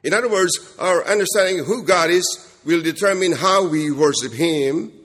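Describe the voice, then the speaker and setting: Guy preaching a bible sermon, kinda husky, repeats stuff for emphasis, long echo like a big hall. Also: fairly high pitch, moderate pace, fairly bright tone. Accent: non-standard accent, self-described jokingly as Kentucky. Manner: emphatic, repeats phrases, checks in with rhetorical questions. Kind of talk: expository sermon. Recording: echoey hall with long reverb.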